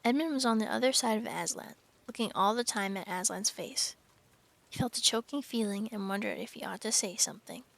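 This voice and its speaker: A woman's voice: fairly high pitch, a little fast, gravelly. A young woman reading a novel aloud on a live stream, with wry asides and cooing at her cat.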